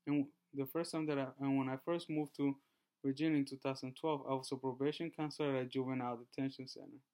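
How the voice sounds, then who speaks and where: A man in his twenties from Honduras, giving a class presentation and reading through his slides in a measured way with small restarts. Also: mid-range voice, flat delivery, darkish tone, smooth. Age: 20s. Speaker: student presenter.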